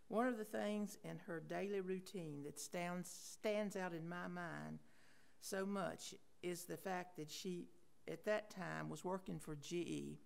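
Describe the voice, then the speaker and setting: A woman, reading a homespun, gently humorous tribute to a neighbor at a funeral in a chapel. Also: fairly low pitch, gravelly. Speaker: neighbor giving a eulogy.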